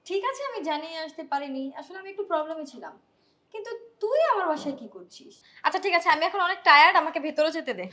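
A woman plays an indignant wife from a short drama with a very high, bright voice. She talks quickly and in a demanding way, pressing hard for answers. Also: expressive, full character voice. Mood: puzzled. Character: wronged older sister and wife, indignant. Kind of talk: short-film drama acting.

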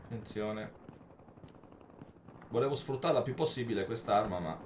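A man commentating his own shooter gameplay, taunting opponents and breaking into excited outbursts. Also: lowish voice, normal speed, far from the mic, a little hiss or hum. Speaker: gaming YouTuber.

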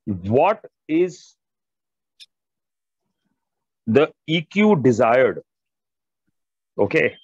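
Extremely slow and sing-song, a middle-aged man's mid-range, slightly rough voice carries an Indian accent as he presents as an audio expert on a video call. He goes over technical material informally and emphatically, repeating phrases and addressing listeners head-on. Captured through wired earphones, the audio is dry, dull, and band-limited.

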